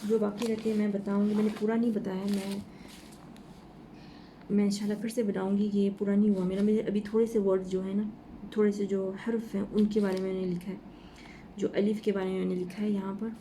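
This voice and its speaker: A woman giving an informal Quran lesson, walking slowly through the letters of each verse. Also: mid-range voice, little pitch movement, warm tone, slight background noise. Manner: slow, explaining letter by letter. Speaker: Quran teacher.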